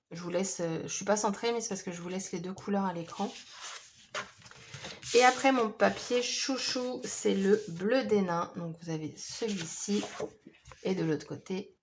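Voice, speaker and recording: A woman's voice: mid-range voice, slight background noise. A woman chatting casually through a scrapbooking haul, hesitant and full of fillers. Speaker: scrapbooking vlogger.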